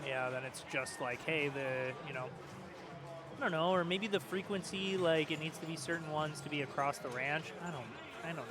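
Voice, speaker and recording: A man giving casual, chatty live commentary on a pinball tournament, self-deprecating and quick to laugh. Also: fairly high pitch. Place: pinball arcade bar.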